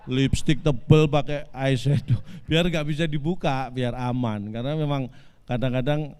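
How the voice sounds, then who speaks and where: A man in his forties telling a deadpan comic monologue, addressing the audience politely and spinning absurd twists with a straight face. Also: medium pitch, normal speed, clear, resonant tone. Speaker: stand-up comedian. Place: virtual family gathering.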